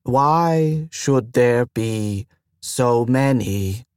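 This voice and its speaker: A man voicing a frightened, newly awakened station mind that speaks in slow, oddly spaced words. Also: mid-range voice, darkish tone, clean tone, no room sound, studio quality. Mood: panicked. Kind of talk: audiobook character voice.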